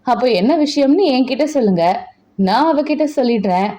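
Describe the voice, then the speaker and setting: A woman's voice: on the high side, animated, fairly quick, mellow, lightly acted. A woman voicing a possessive young husband. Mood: easygoing. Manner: coaxing, then desperate and insistent. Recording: dull lo-fi recording.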